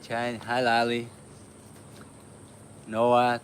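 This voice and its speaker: A man from Vietnam hosting a martial arts livestream, chatting casually with viewers while he warms up, with lots of uh fillers. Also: mid-range voice, drawn-out words, a little hiss or hum. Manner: relaxed, chatty, many uh fillers, laughs often. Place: home in the city.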